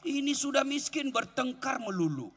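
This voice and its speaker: A man giving a humorous sermon to a crowd, joking and drawing out prayer phrases slowly. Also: very high voice, big pitch swings, fairly bright tone. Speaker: preacher. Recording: reverberant hall.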